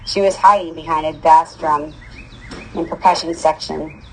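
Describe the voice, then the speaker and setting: A woman's voice: deep voice, fairly even intonation, normal speed, slight background noise, rough recording. A woman reading a first-person story aloud in a casual, wry manner. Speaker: audiobook reader.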